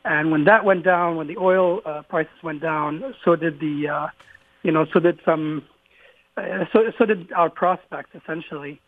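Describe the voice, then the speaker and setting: A man's voice: on the high side, a little slow. A man in his thirties from Lebanon, a guest entrepreneur on a radio interview, speaking hesitantly with many fillers and restarts. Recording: tinny phone line, dry.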